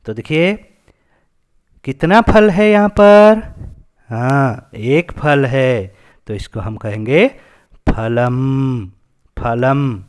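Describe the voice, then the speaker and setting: A man's voice: medium pitch, lively intonation, slow, pauses often. A man teaching a Sanskrit lesson to children, patiently asking questions and answering them himself.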